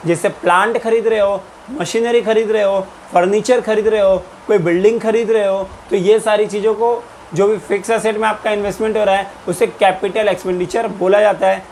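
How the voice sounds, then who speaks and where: Guy teaching accounts, kinda high voice, asks then answers his own questions. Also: a little hiss or hum. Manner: explains in Hindi mixed with English terms, repeats and quizzes. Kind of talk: recorded lecture.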